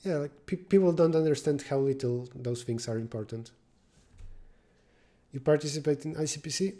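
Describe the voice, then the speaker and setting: This man streams himself coding and thinks out loud, his voice mellow and darkish yet pitched fairly high. He occasionally stops to respond to the chat and sometimes trails off into low muttering while working through specifics, all at a normal speed.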